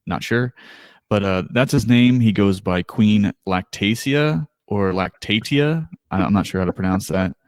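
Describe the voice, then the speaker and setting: A man with a low voice co-hosts a casual podcast chat. He talks in an easygoing, hesitant way full of ums and uhs and laughs often. The sound is dry and close. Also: a little mellow, no room sound. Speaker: podcast co-host.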